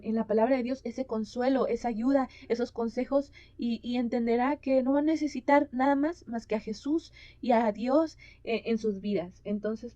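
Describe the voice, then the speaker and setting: A woman's voice: fairly high pitch, warm tone, dry recording. A woman giving a conference talk on mission and culture, hesitant with many fillers as she reads Bible passages aloud. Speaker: conference speaker. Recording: dull lo-fi sound.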